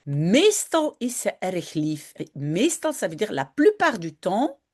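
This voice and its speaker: A woman language teacher who reads a story clearly and deliberately aloud, then explains words with quick asides. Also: medium pitch, huge pitch swings, darkish tone.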